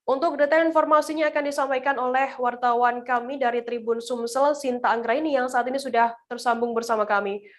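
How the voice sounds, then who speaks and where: Woman news anchor, high voice, crisp scripted reading, measured pace. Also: fairly even intonation.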